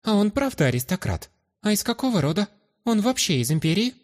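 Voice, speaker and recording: A prickly young noblewoman from a fantasy audiobook, quick with mocking questions, as a male narrator puts her on. Her voice sits well above a man's usual register and swings up and down with lively, animated intonation. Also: high voice, voice pushed up. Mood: puzzled. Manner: mocking, inquisitive. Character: sharp-tongued young noblewoman, brunette.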